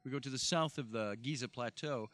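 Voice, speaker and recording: A man's voice: mid-range voice, brisk, a bit bright. A man hosting a casual travel podcast, telling stories in a playful, mock-formal way from a hotel room. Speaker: tour host.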